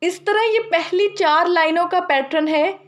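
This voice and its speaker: High-voiced woman explaining literature. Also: a little slow. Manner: steady, explains each term twice in plain words. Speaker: literature teacher. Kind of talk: explanatory lecture.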